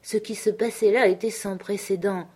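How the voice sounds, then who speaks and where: A woman narrating a classic novel in a measured, clear reading. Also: mid-range voice, steady tone, warm tone. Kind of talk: audiobook narration.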